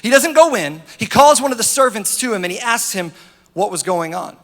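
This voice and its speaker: A man's voice: high-pitched, fairly quick. A man preaching a sermon as a pastor, animatedly retelling a story with playful asides. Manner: animated storytelling, acting out the parable. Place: church auditorium. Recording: church hall reverb, faint music behind.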